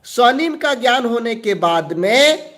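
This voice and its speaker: Guy teaching exam prep, really high lively voice, slow, keeps repeating terms. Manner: slow, repeats key terms, asks and answers own questions.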